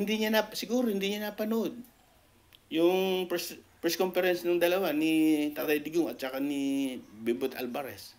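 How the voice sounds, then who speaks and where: A man giving casual political commentary as a vlogger, animated and repetitive, his voice jumping up in pitch when he makes a point. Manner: animated, repetitive, keeps asking "di ba?"; rises sharply in pitch when making a point.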